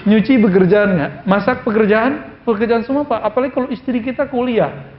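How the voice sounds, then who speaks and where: A man with a fairly high voice preaches in a relaxed, chatty way. He drops in Arabic quotations, explains each one, and keeps asking rhetorical questions. The sound is echoey and a little dull and lo-fi. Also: brisk. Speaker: Islamic preacher. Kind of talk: casual conversational sermon.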